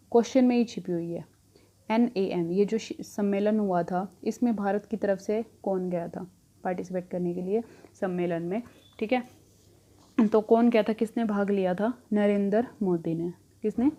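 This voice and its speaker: A woman's voice: medium pitch, mellow. A young woman teaching current affairs, asking questions and answering them herself, with rhyming memory tricks. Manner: asks a question, then answers it herself, repeating.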